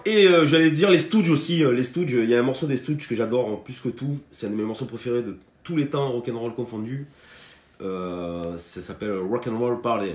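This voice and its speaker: A man's voice: medium pitch, lively intonation, brisk. A man giving a casual live guitar lesson, talking in a hesitant way full of fillers and restarts, and greeting viewers by name. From France. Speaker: guitar teacher on a live stream. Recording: roomy sound with guitar playing.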